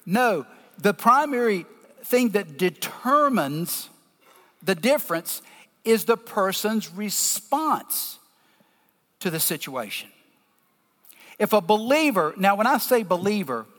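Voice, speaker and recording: A man with a deep Southern US accent preaching a sermon, teaching scripture emphatically and deliberately in short, broken phrases. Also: fairly bright tone. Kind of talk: sermon, explaining scripture to a congregation. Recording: long reverberation of a large hall.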